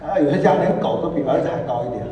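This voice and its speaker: A man's voice: mid-range voice, quick pace, a little hiss or hum. A middle-aged man preaching a sermon as pastor, joking and laughing as he goes. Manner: animated, joking, laughs often. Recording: echoey hall from far off.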